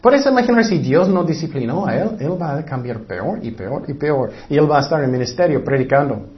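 A man's voice: fairly high pitch, animated, fairly quick. A man preaching a sermon as pastor, emphatic and repetitive, sometimes acting out short voices. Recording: dull lo-fi recording.

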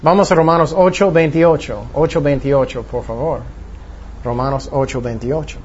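A man's voice: on the high side, fairly even intonation, normal speed, a little mellow. A man preaching a sermon with a plain teaching tone, asking his listeners rhetorical questions and acting out the worried voices in their heads. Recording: dull lo-fi recording with faint noise.

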